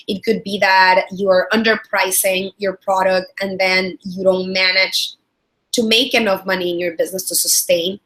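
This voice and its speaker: Poor audio captures a mid-range, somewhat bright female voice. The speaker, a Salvadoran product strategist and trainer in her thirties, delivers a friendly business webinar training in a Salvadoran Spanish accent, repeating words and using many fillers.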